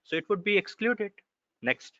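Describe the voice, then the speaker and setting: A man with a Pakistani accent explaining law in an online question session, emphatic and deliberate. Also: sits high, animated, pushed and bright, no echo. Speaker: seminar speaker answering legal questions. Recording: dry, slightly dull online audio.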